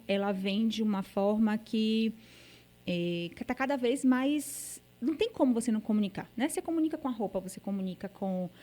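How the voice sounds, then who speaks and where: A woman's voice: medium pitch, warm tone. A woman with a Brazilian Portuguese accent hosting a podcast, thinking aloud hesitantly and often ending with tag questions. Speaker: podcast host. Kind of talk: casual podcast chat.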